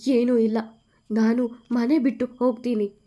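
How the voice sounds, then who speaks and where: A woman's voice: a little high, flat delivery, measured pace, lightly acted. A woman voicing a hurt, angry young wife. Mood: upset, angry. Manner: loud, emphatic, pleading.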